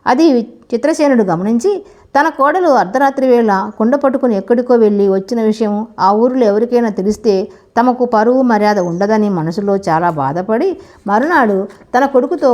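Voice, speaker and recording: A woman narrating a scripted folk tale in a steady, measured storybook reading. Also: fairly high pitch.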